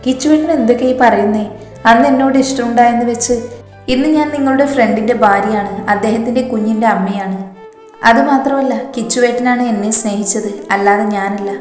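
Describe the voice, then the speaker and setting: A woman's voice: fairly high pitch, fairly even intonation, a little fast, a little mellow, natural voice. A woman voicing a young wife and mother who stands up fiercely to a man, in a roomy recording with faint music. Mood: indignant. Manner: indignant, pleading.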